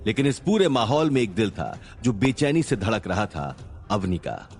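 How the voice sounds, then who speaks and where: A man's voice: on the low side, sing-song, normal speed, a little mellow. Dramatic male story narrator. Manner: dramatic, suspenseful.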